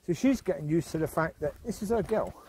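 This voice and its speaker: A man's voice: on the high side, expressive, fast talker, a little mellow, a little hiss or hum. Rambling man on a countryside walk. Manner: rambling, chatty, with frequent restarts and trailing off. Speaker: vlogger and dog owner. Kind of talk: walk-and-talk vlog. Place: outdoors on a countryside path.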